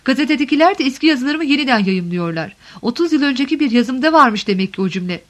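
A woman's voice: high voice, animated, fast. A woman voicing an ageing male columnist who answers carefully and politely, with weary restraint, in an audiobook reading. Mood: cautious.

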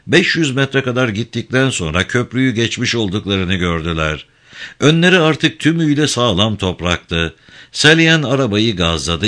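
A man reading a novel aloud in a dramatic, measured audiobook narration. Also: lowish voice, fairly bright tone.

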